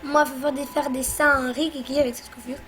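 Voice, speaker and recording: A woman's voice: sits high, little pitch movement, fast talker, fairly bright tone, faint music behind. A woman hosting a let's play, chatting casually and bossily teasing her co-player as she plays. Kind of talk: casual gameplay commentary.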